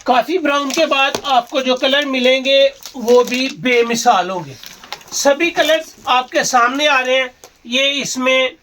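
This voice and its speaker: Male online seller, Pakistani accent, very high sharp voice, overeager repetitive teleshopping pitch. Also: unhurried, a little hiss or hum, poor audio. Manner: overeager, repetitive selling with emphatic lists. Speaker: online fabric seller and video host. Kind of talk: teleshopping-style sales pitch.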